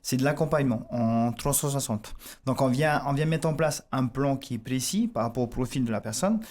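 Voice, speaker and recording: A man with a Tahitian accent speaks in a medium-pitched, slightly darkish voice at a somewhat quick pace. He's a fitness coach appearing as a guest on a radio interview in the studio, explaining things eagerly with lots of fillers and restarts.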